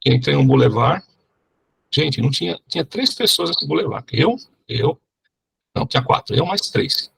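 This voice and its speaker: A middle-aged man telling his testimony in a sermon, animated and often checking in with the crowd. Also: a little high, normal speed, vocal fry, pauses often, a little hiss or hum. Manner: animated storyteller, keeps asking the crowd "né?". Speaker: preacher giving testimony.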